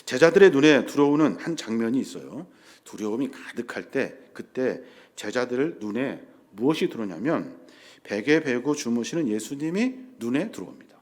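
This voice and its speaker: A male pastor preaching a sermon in a church hall, swinging between loud and hushed and acting out the voices he quotes. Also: mid-range voice, sing-song, normal speed.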